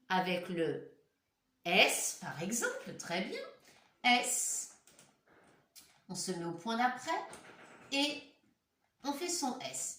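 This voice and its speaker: A woman's voice: on the high side, recorded from a distance. A woman teacher patiently walking young children through a handwriting lesson step by step, recorded at home. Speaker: primary school teacher. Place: room at home. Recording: echoey room, voice set back from the mic.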